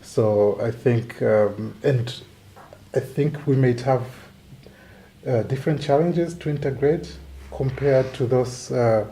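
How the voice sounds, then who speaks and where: A man speaking as a panelist, measured and hesitant, with many fillers. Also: medium pitch, mellow, slight background noise, rough recording. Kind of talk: panel discussion.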